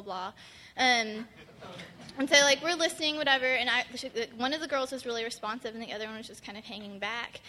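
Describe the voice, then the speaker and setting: High bright young woman telling a story. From Texas. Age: young adult. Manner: animated storytelling with frequent laughter. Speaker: college student sharing a testimony. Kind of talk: casual testimony sharing.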